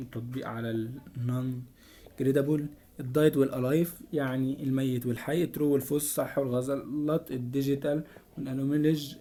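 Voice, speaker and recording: A man with an Egyptian Arabic accent explains a lecture from slides as a student tutor. His voice is dark and mellow at a middling pitch. He stumbles over English terms and then gives the translation of each. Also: slight background noise.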